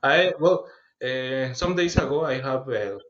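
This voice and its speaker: A man's voice: medium pitch, animated, unhurried, a bit bright. A man in his thirties from Mexico with a Mexican Spanish accent, chatting hesitantly in English with many fillers, heard over a voice call. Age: 30s. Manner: hesitant, frequent fillers, laughs often. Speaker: language practice partner. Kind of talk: casual conversation practice. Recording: roomy, dull lo-fi app call.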